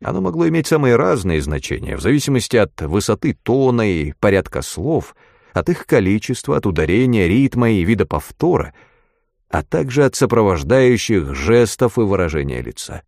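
A man narrating an audiobook in an expressive literary style. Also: fairly low pitch, moderate pace, gravelly, dry recording, clean studio sound. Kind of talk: audiobook reading.

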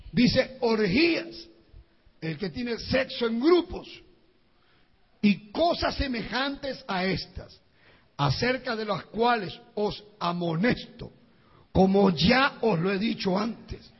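A male pastor preaching an animated sermon in a raspy, gravelly voice, acting out scenes and breaking into shouts. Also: high-pitched, takes it slowly. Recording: echoey hall, dull lo-fi sound.

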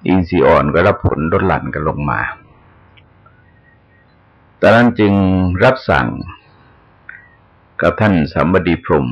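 Older male monk, measured sermon delivery, very low and creaky. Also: highs cut off. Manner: slow, measured explaining with pauses. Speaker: Buddhist monk.

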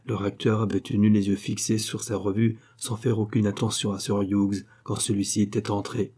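A man narrating a classic novel in a calm, even reading voice. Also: on the low side, moderate pace, husky. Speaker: audiobook narrator.

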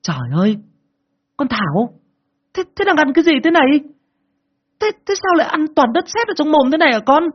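A man doing a shrill frantic young mother. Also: lively intonation, normal speed, long pauses, husky. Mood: panicked. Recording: dull lo-fi recording.

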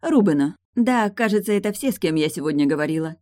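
A reader voicing a sharp-tongued young woman who teases in a languid, mocking way. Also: lowish voice, animated, quick pace, dry recording, studio quality, voice pushed up, natural voice. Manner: teasing, languid.

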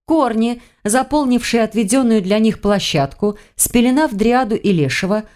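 A woman reading a first-person fantasy audiobook in a lively, expressive storytelling manner. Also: a little high, moderate pace. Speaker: audiobook reader. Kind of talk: scripted first-person narration.

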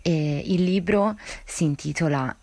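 A woman reads a story on a radio literature programme, measured and dramatic. Her voice sits low, and the sound is dry and close. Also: darkish tone, no room sound. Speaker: radio literature show reader. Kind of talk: reading a story aloud.

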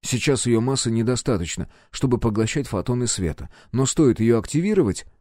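A man's voice: mid-range voice, lively intonation, a little fast, mellow, no echo, clean studio sound, natural voice. A man reading an audiobook and voicing a touchy male ship engineer who explains things in a raised voice. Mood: explaining.

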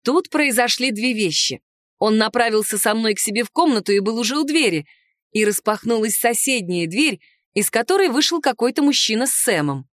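A woman narrating an audiobook in the first person, lively and sharp-tongued as the heroine. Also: fairly high pitch, brisk, no echo, clean studio sound.

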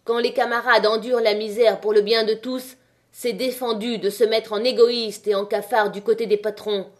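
A woman voicing a male miner who leads a strike, addressing a crowd with rousing, forceful speech in an audiobook reading. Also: on the high side, steady tone, moderate pace, natural voice. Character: male miner, strike leader, fiery orator.

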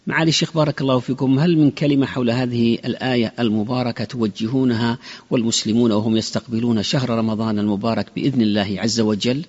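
A man's voice: medium pitch, fairly even intonation, fast, darkish tone. A man hosting a radio programme, speaking polite, formal standard Arabic. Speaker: radio host. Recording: dull lo-fi sound with long reverb.

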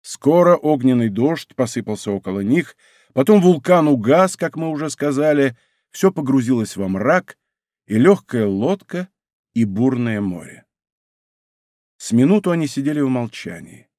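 A man reading an adventure novel aloud in measured, dramatic scripted narration. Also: mid-range voice, big pitch swings, darkish tone, no room sound, studio quality. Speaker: audiobook narrator.

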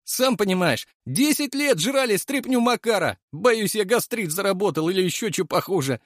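A man voicing a loud, boastful young show-off who brags and taunts in a squeaky voice. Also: expressive, moderate pace, no room sound, studio quality. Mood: demanding.

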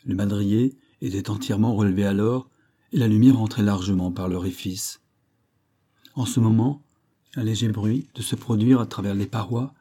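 A man reading a classic adventure novel aloud, lifting his voice for the characters' lines. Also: dark tone. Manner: reads dialogue with raised pitch and force. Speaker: audiobook reader. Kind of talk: scripted narration of a classic novel.

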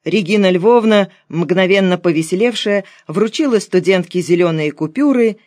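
Lady audiobook narrator, even steady reading, dry close mic. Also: lowish voice, moderate pace, dry recording. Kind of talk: scripted narration.

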